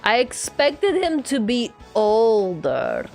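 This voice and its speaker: Playful woman streamer with a higher voice. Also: sing-song, takes it slowly, a little mellow. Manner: playful, rambling. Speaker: game streamer. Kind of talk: casual chat, gameplay commentary. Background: game music.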